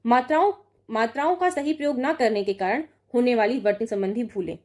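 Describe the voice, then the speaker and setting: A young woman with a fairly high, darkish voice and brisk delivery tutors an online Hindi exam-prep lesson. She reads out word pairs, corrects each one, and checks in often.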